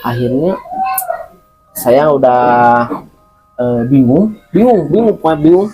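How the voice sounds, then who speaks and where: Hesitant man telling his story, mellow voice. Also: a little high, lively intonation, measured pace, husky, faint music behind, poor audio. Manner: hesitant, restarts and repeats words with many fillers. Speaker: interview guest. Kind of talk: recounting a personal experience.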